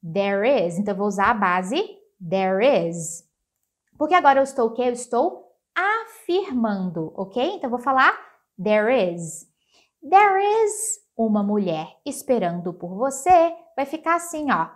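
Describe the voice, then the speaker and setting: A woman teaching English in a casual video lesson, animated and chatty, who slows right down for her English example sentences and speeds up for her explanations. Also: fairly high pitch. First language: Portuguese.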